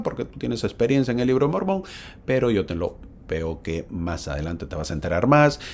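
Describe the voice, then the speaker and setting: A man's voice: on the low side, darkish tone. A middle-aged man teaching a religious lesson, often asking the listener rhetorical questions. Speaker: scripture teacher.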